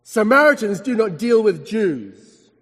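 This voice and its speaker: An indignant woman at a well fires back quick, protesting retorts in a high voice, as a male preacher reads her part. Long reverb from a large hall trails behind. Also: animated, a little mellow, slightly rough. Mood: outraged.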